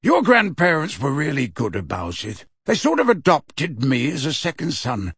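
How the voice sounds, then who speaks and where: A man voicing a sardonic, bitter adult man who speaks coldly and curtly, with a slightly husky tone. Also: fairly high pitch, huge pitch swings, normal speed, a bit bright, no echo, studio quality, pitched above the performer's own voice, full character voice. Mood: bitter recollection. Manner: cold, curt and irritable. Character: sardonic, cold adult man, estranged from his family. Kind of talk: audiobook character voice.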